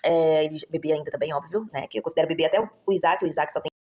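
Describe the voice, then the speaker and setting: Very fast and low, with a darkish tone, her voice carries a rambling vlog story told casually to her audience. The woman is in her 30s, a mother and vlogger who often corrects herself.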